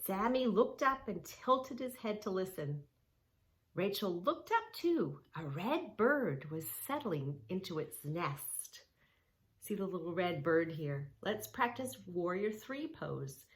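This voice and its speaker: A woman speaks slowly in a fairly low voice with big pitch swings. She's guiding preschoolers through yoga poses as she reads a story aloud, keeping her words simple, encouraging, and directed at the child.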